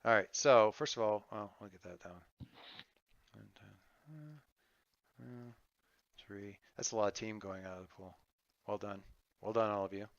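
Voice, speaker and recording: A man running a tabletop game as game master, narrating off the cuff and thinking aloud in a halting, casual way. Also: on the low side, fairly bright tone, dry recording, highs cut off.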